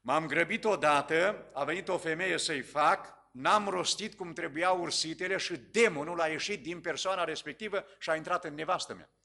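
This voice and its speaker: A man preaching as a pastor, telling a story dramatically with pauses and repetitions. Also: fairly high pitch, gravelly, pushed and bright. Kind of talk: sermon storytelling.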